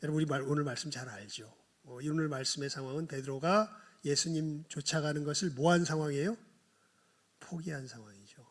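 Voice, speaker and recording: Man, pastor, sermon, slightly high voice, husky tone, asks the congregation questions, acts out scripture dialogue. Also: a little fast.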